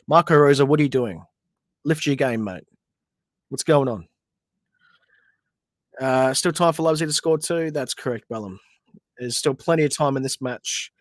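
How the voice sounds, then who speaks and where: A man's voice: mid-range voice, normal speed, pauses often, no room sound. Australian man, podcast host, chatty livestream football commentary, mid-range voice, dry close sound. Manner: chatty, frustrated asides at players, reads viewer questions. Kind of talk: casual livestream match commentary.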